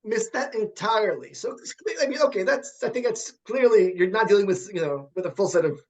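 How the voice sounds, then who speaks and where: Halting high-voiced man, often repeating words. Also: a little mellow. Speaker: guest, computer science professor. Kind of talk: conversational interview.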